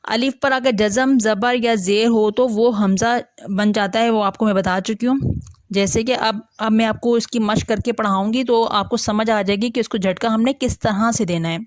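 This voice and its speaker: A woman with a slightly high voice gives an online reading lesson. She explains patiently, step by step, asking questions and then answering them herself. She slowly sounds out single letters and words, and the sound is close and dry. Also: steady tone, dry recording. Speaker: teacher.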